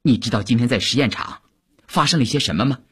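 A man voicing a jealous, scornful male officer in an audiobook, with an agitated, husky delivery. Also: mid-range voice, quick pace. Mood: sneering. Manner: sneering, agitated.

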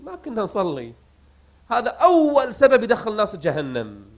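High-voiced preacher telling a dramatic tale. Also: male voice, wildly swooping pitch. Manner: dramatic storytelling, swinging from hushed murmurs to raised cries; drawn-out slow repetitions for emphasis. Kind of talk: sermon.

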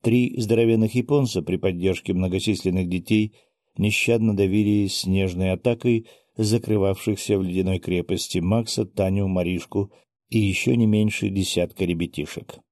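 A man narrating a first-person fantasy audiobook in a steady, wry storytelling manner. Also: deep voice, moderate pace, no echo, clean studio sound.

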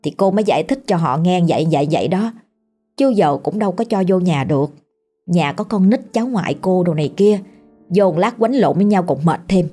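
A woman's voice: fairly low pitch, animated, brisk, dark tone, faint music behind. A woman with a Southern Vietnamese accent telling a ghost story in a chatty, colloquial way.

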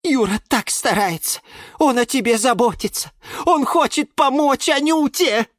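Reader doing a squeaky panicky lemon tree guy, shrieks way up high, dry sound. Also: measured pace, no echo. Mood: indignant. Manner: shrill, frantic, often shouting or hissing. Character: fussy male lemon tree, anxious and scolding. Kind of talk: children's audiobook reading.

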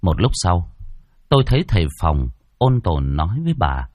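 A man's voice: low voice, sing-song, normal speed, darkish tone, dry recording, studio quality. A man narrating a first-person ghost story dramatically.

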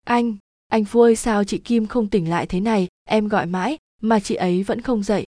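Brief: woman playing a frightened young woman, worried, warm dry tone. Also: mid-range voice, fairly quick, no room sound, lightly acted. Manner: dazed, worried.

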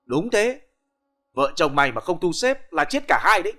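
A man's voice: on the high side, very animated. A man doing a pushy, scolding middleman. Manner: fast, loud and scolding.

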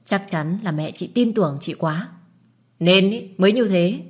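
A woman's voice: mid-range voice, darkish tone, husky. A woman voicing a nosy, blunt young woman who pesters and scolds in an audiobook. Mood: pushy. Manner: pushy, quick to scold. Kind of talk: audiobook dialogue.

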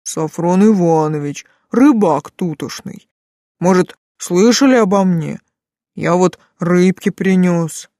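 A woman voicing a folksy, grandfatherly old male village fisherman in an audiobook, with a booming, drawling, coaxing manner. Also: slow, dark tone, no room sound, studio quality. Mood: flattering. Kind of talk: audiobook character voice.

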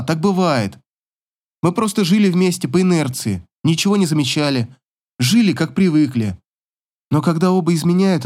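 A man's voice: fairly high pitch, darkish tone, voice pushed up, natural voice. A man reading the part of a tired, resolute wife who speaks firmly and holds herself back. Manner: tired, firm and restrained. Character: weary, resolute young wife asking for divorce.

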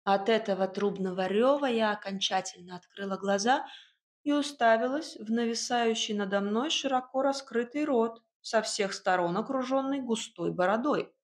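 A woman narrating a first-person novel aloud with a lively, ironic storytelling manner. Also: medium pitch. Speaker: audiobook narrator. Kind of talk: expressive first-person fiction reading.

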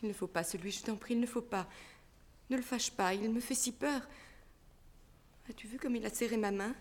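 An actress playing a fragile, frightened young female circus rider, breathy and often dropping to a whisper. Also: a little high, moderate pace, close to an everyday voice. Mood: frightened tender. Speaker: Consuelo. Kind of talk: 1960s French radio drama acting.

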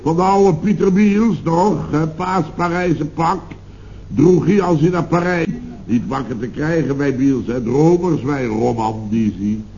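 An actor playing a rambling, nostalgic middle-aged building contractor in a 1960s radio comedy, hesitant and full of tag questions. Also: male voice, on the high side, unhurried, dark tone. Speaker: contractor boss. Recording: dull old radio recording with faint hiss.

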